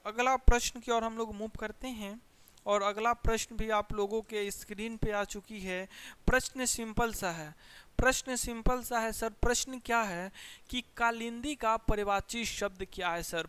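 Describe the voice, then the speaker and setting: High, clear-voiced young Bihari Hindi teacher. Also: male voice. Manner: energetic, repeats phrases and quizzes students. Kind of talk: exam prep lesson.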